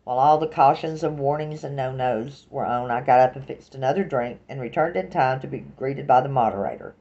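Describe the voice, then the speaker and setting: A woman's voice: rumbling low, brisk, dull audio. Wry Southern woman reading a novel. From Alabama, US South. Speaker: audiobook narrator. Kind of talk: first-person novel narration.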